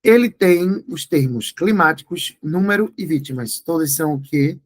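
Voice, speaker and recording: A man's voice: on the high side, animated, moderate pace, poor audio. A Brazilian Portuguese tutor, a man, going through exam questions in a review class. He talks in a didactic way, checks in with his students often, and breaks words into syllables to stress them.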